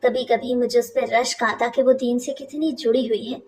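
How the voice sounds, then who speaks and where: A woman narrating a first-person family story in a steady, confiding way. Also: on the high side, normal speed, recorded from a distance.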